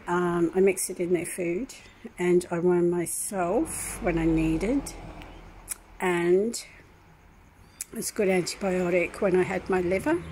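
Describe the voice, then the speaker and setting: Older woman, casual home vlogger, low-ish voice, meandering aggrieved storytelling, faint room hum. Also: a little mellow, low-quality recording. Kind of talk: casual rambling monologue. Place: home kitchen.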